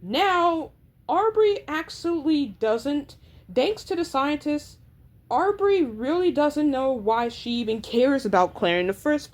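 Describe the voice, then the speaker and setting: A woman's voice: sits high, a little mellow. Stammering woman rambling about her characters. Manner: stuttering with frequent restarts; rambling, filler-heavy delivery. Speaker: creator explaining her character lore. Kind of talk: casual chat.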